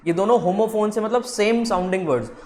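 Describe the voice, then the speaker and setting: A man teaching vocabulary, drawing words out slowly as he explains. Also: high voice, a little mellow, slight background noise. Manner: explains with slow drawn-out English words. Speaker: English teacher. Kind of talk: spoken English lesson.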